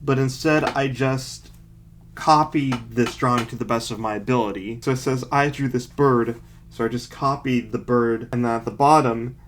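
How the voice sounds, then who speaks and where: A man's voice: medium pitch, fairly even intonation, normal speed, slight background noise. Mocking, sarcastic young man. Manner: mocking, self-deprecating; dry, sarcastic asides. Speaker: vlogger. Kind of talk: casual commentary, reading aloud from a childhood book.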